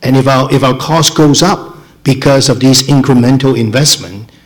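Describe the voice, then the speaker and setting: A man speaking as a chief executive at a town hall, explaining things in a measured, unscripted way with halting phrasing. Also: medium pitch.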